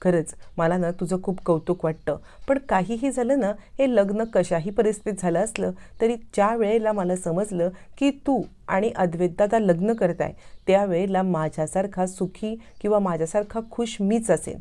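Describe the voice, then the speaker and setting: A woman's voice: mid-range voice, normal speed, dark tone, natural voice. A woman voicing a caring young man who speaks earnestly and reassuringly to his sister-in-law.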